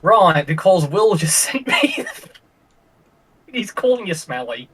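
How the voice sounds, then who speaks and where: A man's voice: sits high, very animated, slow, fairly bright tone, husky, low-quality recording. A man playing a tabletop game, chatting casually with the game master in an easygoing, jokey way. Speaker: player. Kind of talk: casual chat after a tabletop session.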